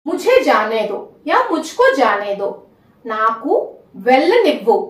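A woman teaching a spoken language lesson, speaking slowly and repeating each phrase so learners can note it down. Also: high-pitched, roomy sound, far from the mic.

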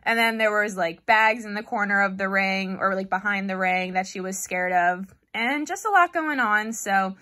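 A woman's voice: mid-range voice, bright, forceful tone. A young woman giving a casual, chatty voice-over of her own horse riding footage, with a self-deprecating manner and frequent "like". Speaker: equestrian vlogger.

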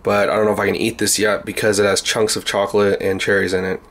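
A man's voice: lowish voice, level tone, fast talker, fairly bright tone. A man in his twenties keeping a casual video diary, talking with a swollen mouth after wisdom teeth removal. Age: 20s. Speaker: vlogger. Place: parked car and rooms at home. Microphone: handheld camera at arm's length. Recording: noticeable background noise, handheld camera.

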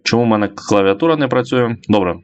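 A man's voice: medium pitch, fast talker, dull audio. A man giving casual gameplay commentary as a streamer, hesitant and full of fillers and self-corrections. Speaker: let's play streamer.

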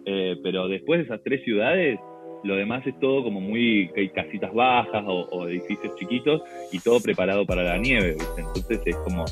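A man's voice: lowish voice, brisk, music in the background, low-quality recording. A man in his thirties with an Argentine Spanish accent, chatting as an interview guest over a video call, full of fillers and restarts. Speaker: interview guest, volleyball player.

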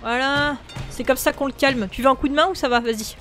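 High-voiced rowdy woman gaming with music. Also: fairly even intonation, a little fast. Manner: playful and rowdy, shouting and laughing at the game. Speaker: gaming YouTuber. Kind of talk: casual let's play chat. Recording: game music in the background.

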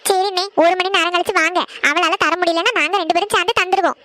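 A woman plays a firm cartoon village auntie. Her voice is high, and she talks quickly, scolding and bargaining in a no-nonsense way. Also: fairly even intonation, sharp tone, no room sound, clean studio sound. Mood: negotiating. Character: concerned older village woman, a relative. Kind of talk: cartoon voice acting.

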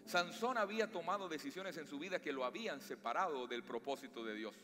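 A man with a Latin American Spanish accent preaching a sermon as pastor, with emphatic rises and slow, stressed phrases. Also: a little high, expressive. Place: church sanctuary. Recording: long church reverb with faint music.

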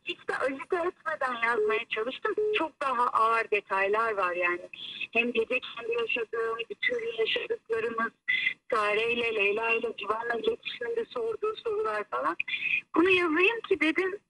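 A woman's high voice comes over the phone, heard through a loudspeaker and set well back from the mic. She talks earnestly and haltingly, with plenty of fillers, and her tone is bright and clear. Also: big pitch swings. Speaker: guest calling in. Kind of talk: live phone interview. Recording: distant phone audio through a speaker.

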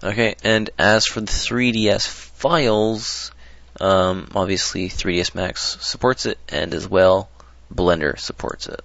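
A man's voice: lowish voice, fairly even intonation, measured pace, vocal fry, fairly bright tone, no room sound. A man talking through a casual screen-recorded modding tutorial, rambling and hesitant with many ums and restarts, on a desktop mic. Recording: dull lo-fi dry mic.

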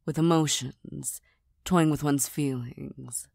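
A tired, serious cat girl, voiced by a woman in a soft ASMR role-play for ASMR. She speaks slowly and breathily in a low register. Her manner is deadpan and hesitant, gently teasing and quick to put herself down. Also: gravelly, no echo, studio quality, exaggerated voice. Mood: dry, doubting. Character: tired, serious, self-deprecating young cat-girl best friend.

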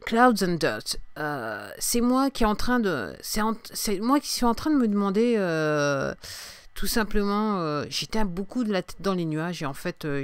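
A woman's voice: fairly low pitch, smooth, no room sound. A middle-aged woman talking casually about her music on her own podcast, hesitant, with many fillers and restarts. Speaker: singer-songwriter hosting her own podcast. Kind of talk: casual spoken podcast monologue.

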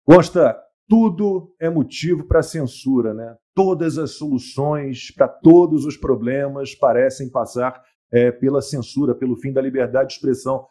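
Mellow-voiced man hosting a live talk show. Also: medium pitch, a little slow. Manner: chatty, greets guests by name, frequent "né?". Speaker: show host.

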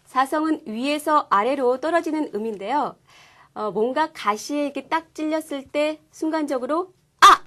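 High-voiced woman teaching a language lesson. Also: moderate pace, fairly bright tone. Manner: clear, patient explaining with demonstrated sounds. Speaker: Korean-speaking Chinese language teacher. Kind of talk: scripted lesson presentation.

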